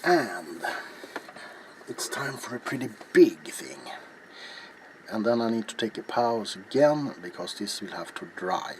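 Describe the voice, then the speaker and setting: The host of a craft video channel, a man with a slow, low voice, narrates a casual, hushed ASMR craft demonstration and is very animated. He rambles, halts and repeats words, in a small cluttered indoor workshop with noisy room ambience.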